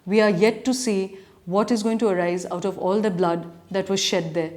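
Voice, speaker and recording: Speaking at a normal pace with a steady tone, a woman with a slightly mellow, medium-pitched voice answers reader questions. She's an editorial commentator and journalist from an educated urban Indian background by accent, earnest and argumentative, her sentences long and considered.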